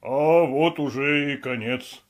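A man voicing an old male servant who is timid and grumbling, talking in a slow, drawn-out, plaintive way. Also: mid-range voice, lightly acted. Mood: fearful. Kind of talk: audiobook character voice.

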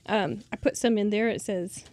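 A middle-aged woman hosting a casual crafting tutorial, chatty and quick to laugh at her own mistakes. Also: medium pitch, steady tone, a little mellow. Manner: chatty, self-deprecating, laughs at herself. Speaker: craft show host.

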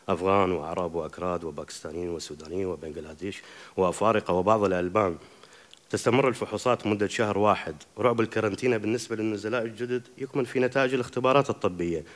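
Brief: deep male author voice, rapid and steady literary reading, live on a theatre stage. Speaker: author reading his work. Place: theatre stage before an audience.

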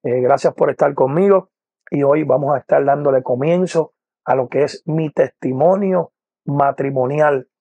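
A Puerto Rican evangelist from Puerto Rico speaks in gravelly Puerto Rican Spanish, his male voice fairly high and at normal speed, giving earnest personal testimony to camera while seated in an indoor room with a lamp. He repeats "poderoso el nombre de Jesús" and fills his speech with "eh" and "¿verdad?". Captured on a lapel mic, the sound is lo-fi with no echo.

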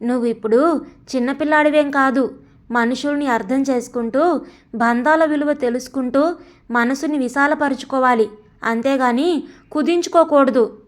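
A woman voicing a gentle, worried middle-aged mother who pleads with and scolds her son in a storybook reading. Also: high voice, normal speed, pauses often, close to an everyday voice. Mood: pleading. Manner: pleading, sorrowful, admonishing.

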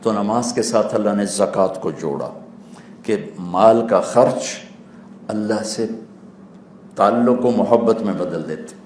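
Man preaching in a big echoey hall, animated storytelling, light background noise. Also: lowish voice, pauses often. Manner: rises to loud animated peaks while telling stories. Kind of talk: sermon with storytelling.

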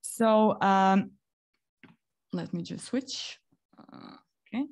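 A woman's voice: medium pitch, very slow, darkish tone. A young woman from Croatia, a developer relations engineer, giving a friendly step-by-step technical presentation over a video call, with frequent fillers and small laughs. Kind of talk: live online technical presentation. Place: home room on a video call. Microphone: video call webcam mic.

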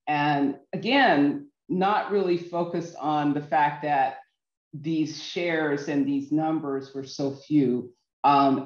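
A woman's voice: deep voice, darkish tone, dull audio. Woman presenting over a roomy video call. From Barbados. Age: middle-aged. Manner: earnest, measured, with frequent ums and restarts. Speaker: workshop speaker. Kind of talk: virtual workshop presentation.

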